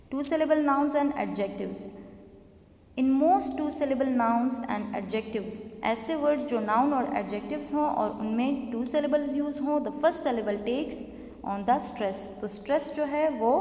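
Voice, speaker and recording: A woman teacher, explaining English word stress in a classroom lecture and repeating example words slowly and loudly. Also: on the high side. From Pakistan. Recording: echoey hall with long reverb.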